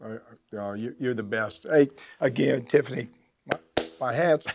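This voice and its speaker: Older guy hosting a chat, gravelly, stumbles and repeats words a lot. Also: mid-range voice, slight background noise. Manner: halting, repeats words, warm thanks. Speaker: podcast host. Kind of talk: casual interview.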